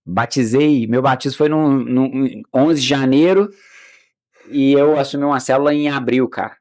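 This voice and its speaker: A man's voice: mid-range voice, unhurried, pauses often. Brazilian man telling his testimony. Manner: animated storyteller who acts out quoted dialogue; frequent restarts and filler words. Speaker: podcast guest. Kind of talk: personal faith testimony in casual chat.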